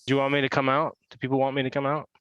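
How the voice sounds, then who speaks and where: A man casually defending himself as a player in a game, halting and hesitant. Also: mid-range voice, monotone, a bit bright, clear, resonant tone, no echo, highs cut off.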